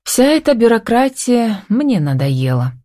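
A young heroine in love speaks with lively, exclaiming emotion, voiced by a woman reading an audiobook. The recording is dry and close, with no room sound. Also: on the high side, unhurried, dry recording, pitched above the performer's own voice.

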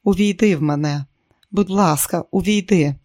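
A woman's voice: lowish voice, normal speed, mellow, lightly acted. An audiobook reader voicing a flustered, pleading woman who is a widowed diplomat. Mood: breathless. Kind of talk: audiobook character reading.

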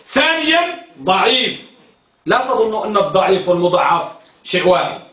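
A high-voiced man teaches hadith terminology in a classroom lecture, very animated at a normal pace with a fairly bright tone. He questions students, repeats key terms and tells them to focus, recorded from some distance in a roomy hall.

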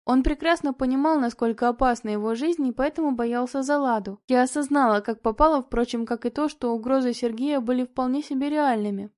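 A woman narrating a novel in the first person, in a steady, expressive reading. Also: high-pitched, brisk, few pauses. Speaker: audiobook narrator.

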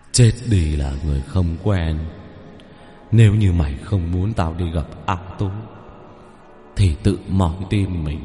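A man voicing the vengeful ghost of a young man who is turning into a demon, in a wailing, drawn-out, eerie voice. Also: low voice, dark tone, long reverb tail.

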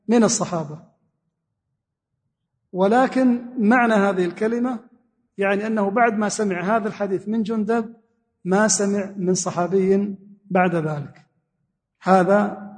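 Male sheikh, high voice, methodical word-by-word explanation, mosque reverb. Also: fairly even intonation, moderate pace, pauses often, a little mellow. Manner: explains word by word, repeats key phrases. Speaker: sheikh teaching a mosque lesson. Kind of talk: religious lesson explaining a hadith text. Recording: long reverb of a mosque hall.

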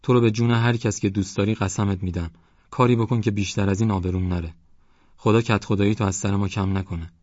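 A man's voice: lowish voice, fairly even intonation, darkish tone, no room sound, recorded from a distance, muffled recording, close to an everyday voice. A man voicing a wailing village mother. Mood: pleading. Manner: lamenting, pleading.

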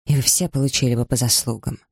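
A man's voice: medium pitch, steady tone, fast, gravelly, slightly rough, no echo, clean studio sound. A man reading a wounded, furious young noblewoman in an audiobook, with accusing outbursts.

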